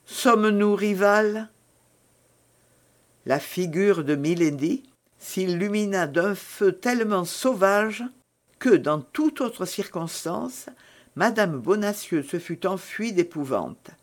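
A woman narrating a classic novel in a measured, even reading voice. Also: lowish voice. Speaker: audiobook narrator.

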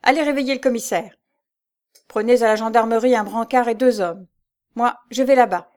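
A woman voicing a brisk male police sergeant who asks clipped, commanding questions, in an audiobook. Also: a little high, a little mellow, voice pushed up, natural voice.

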